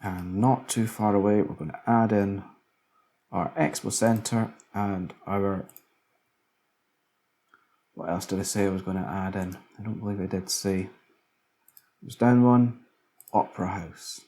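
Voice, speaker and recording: A man's voice: deep voice, steady tone, unhurried, pauses often, dark tone, a little hiss or hum. A man casually commentating a city-building game, musing aloud as he builds, tired late at night. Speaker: let's play commentator.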